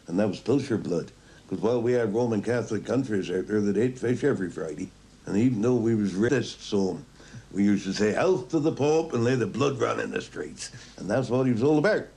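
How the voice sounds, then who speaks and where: A man's voice: lowish voice, fairly quick, vocal fry, dark tone. An older man with a Cornish accent, a retired fisherman telling blunt, emphatic stories from his past. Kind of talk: reminiscing interview.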